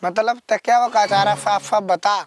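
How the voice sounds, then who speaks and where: A man's voice: high voice, steady tone, a little fast, slight background noise, close to an everyday voice. Man as a complaining young village son. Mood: doubtful. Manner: complaining, rustic. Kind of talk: village comedy skit.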